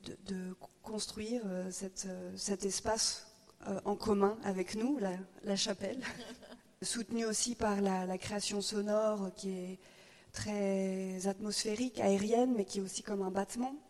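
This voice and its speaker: A woman moderating a public discussion puts questions deliberately, pausing between phrases. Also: medium pitch, fairly even intonation, darkish tone. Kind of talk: interviewing artists in a public discussion.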